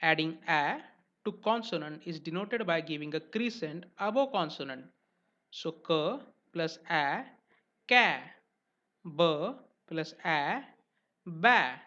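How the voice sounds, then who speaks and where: A man teaching letters as a language teacher, speaking slowly and carefully and stressing each example syllable. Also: a little high, expressive, pushed and bright. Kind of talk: explanatory lesson narration. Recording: dull lo-fi recording.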